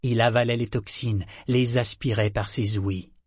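A man reads a story aloud in a slow, measured way. His voice is husky and a bit breathy, and the recording is dry and close. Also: medium pitch, fairly even intonation, dry recording. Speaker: narrator. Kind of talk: audiobook narration.

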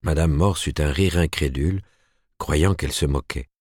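A man narrating a novel as an audiobook in a measured, even storytelling manner. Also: extremely low pitch, husky, no echo, studio quality.

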